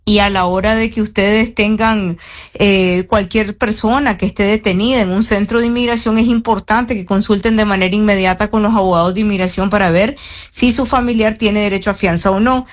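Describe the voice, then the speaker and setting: A woman from Nicaragua with a Nicaraguan accent, an immigration lawyer hosting a live radio call-in show, speaking clearly and reassuringly and repeating phone numbers slowly. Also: mid-range voice, steady tone.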